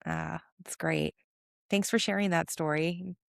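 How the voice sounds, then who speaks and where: A woman's voice: deep voice, fairly even intonation, unhurried, gravelly, no room sound, clean studio sound. A woman hosting an interview podcast, asking questions and responding in an affirming, enthusiastic way. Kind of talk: interview conversation.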